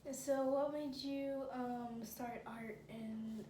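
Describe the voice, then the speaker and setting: A young woman interviewing her father, asking slow, hesitant questions. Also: fairly high pitch, fairly even intonation, mellow, slight background noise. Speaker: interviewer, the host's daughter. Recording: echoey room, off-mic, faint ambience.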